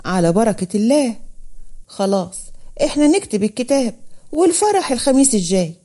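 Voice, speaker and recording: A woman voicing a gentle, yielding older father from an Upper Egyptian village. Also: on the high side, sing-song, a little fast.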